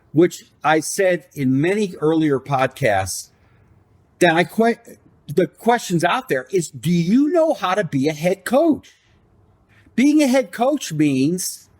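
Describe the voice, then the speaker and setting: A man co-hosting a sports podcast, ranting emphatically and sarcastically. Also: a little high. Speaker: podcast co-host. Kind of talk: casual sports podcast rant.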